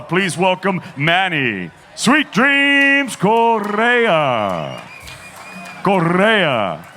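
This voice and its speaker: A man announcing fights theatrically as the host of a boxing weigh-in, with booming, drawn-out calls like a lucha libre announcer. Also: bright, forceful tone.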